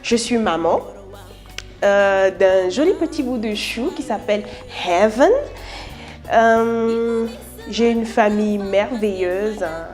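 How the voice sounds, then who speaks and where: A woman's voice: mid-range voice, slow, a little mellow, soft background music. Cameroonian woman, playful and chatty. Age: 30s. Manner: playful, chatty, slips between French and English. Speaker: musician interviewee. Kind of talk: self-introduction interview.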